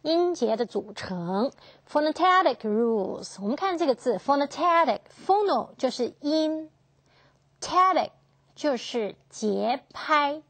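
A woman teaching English phonetics in a classroom lecture, asking her students questions and slowly repeating each key term. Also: high-pitched, expressive, a bit bright, no room sound. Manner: slow, drawn-out, repeats key terms, asks students questions.

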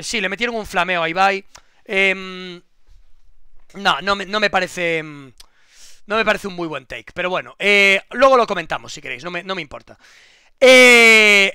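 A man giving casual live-stream commentary, swearing and repeating himself excitedly. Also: sits high, smooth, no echo, studio quality.

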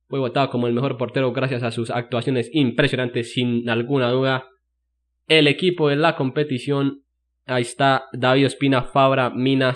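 A man doing excited, jokey play-by-play commentary over his own video game match, with emotional exclamations. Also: mid-range voice. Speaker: gaming commentator.

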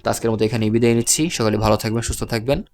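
A man's voice: medium pitch, flat delivery, racing, a little mellow, slight background noise. A man teaching Quran reading in a recorded video lesson, with a Bangladeshi Bengali accent. He patiently spells out syllables one by one and repeats each example.

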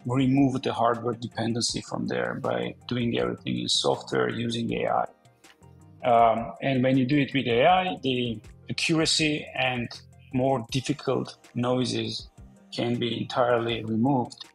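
A man in his forties from Armenia talks as a podcast guest over a video call, with a gravelly, husky voice. He speaks conversationally, with frequent fillers and restarts. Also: medium pitch, measured pace, faint music behind, rough recording. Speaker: podcast guest, company founder. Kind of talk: casual interview talk. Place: indoor room.

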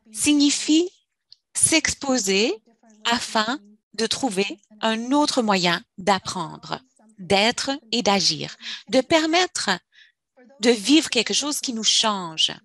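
A woman interpreting a formal webinar presentation as it happens. Her voice sits at an ordinary middle pitch, and her delivery is measured, with phrasing that runs in uneven bursts. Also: animated, a bit bright, no echo. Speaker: simultaneous interpreter.

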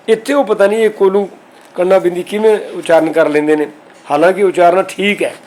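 Man explaining scripture, unhurried. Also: high voice, dark tone. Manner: explanatory, slows to recite quoted verses. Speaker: Gurbani teacher. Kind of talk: scriptural exposition lesson.

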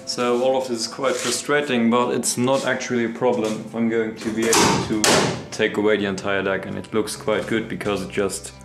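A man's voice: on the low side, level tone, brisk, few pauses. A young man, explaining his boatbuilding steps in a casual, self-critical workshop vlog, recorded on an action camera. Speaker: hobby boatbuilder. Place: indoor garage workshop. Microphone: action camera, handheld and set down. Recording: roomy workshop echo, faint music.

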